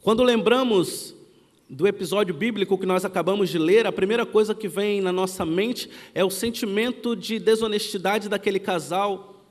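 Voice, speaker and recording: A man's voice: high voice, moderate pace, big-room sound. A man with a Brazilian Portuguese accent preaching a sermon, telling a childhood story and acting out the family's lines. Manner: storytelling, acts out quoted family dialogue. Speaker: pastor. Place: church.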